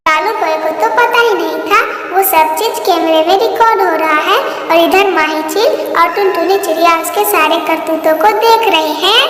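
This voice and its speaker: A woman's voice: very high voice, normal speed, hardly any pauses, fairly bright tone. A woman narrating a children's cartoon story in a simple storybook manner. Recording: echoey hall with faint noise.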